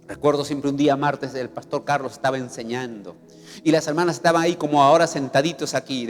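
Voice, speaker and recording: A male pastor preaching a sermon, emphatic and acting out little scenes. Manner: emphatic preaching, sweeping pitch, acts out scenes. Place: church hall. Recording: reverberant church hall with faint music.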